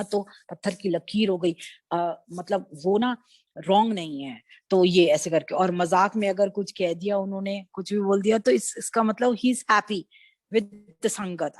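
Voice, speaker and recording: A woman retelling a devotional experience in a lively storytelling way, mixing in English phrases. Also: mid-range voice, no echo. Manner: lively anecdotal retelling, acting out quoted voices; switches between Hindi and English mid-sentence. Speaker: devotee sharing a personal experience. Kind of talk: satsang storytelling.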